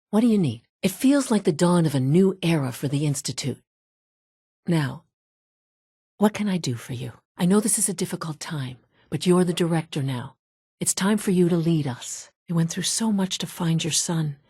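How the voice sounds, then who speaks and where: Subdued and sympathetic, the video game's facilities division head, a poised woman scientist, speaks in a mellow, notably low voice with a husky edge and lively intonation. Her scripted lines stay measured, formal and matter-of-fact, like someone who runs a facility. The recording is dry and close, with no room sound.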